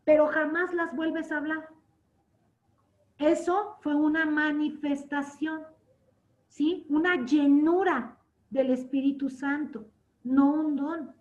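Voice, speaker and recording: A woman teaching a church Bible class. She keeps checking in with her listeners and tells stories with lively acted-out quotes. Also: high-pitched, takes it slowly. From Latin America. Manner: asks "¿sí?" to check understanding. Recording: dull lo-fi sound.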